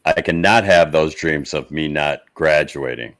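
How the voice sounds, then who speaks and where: A man in his fifties with a low, unhurried, slow-sounding voice, chatting casually in a group. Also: a bit bright, no echo, clean studio sound. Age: 50s.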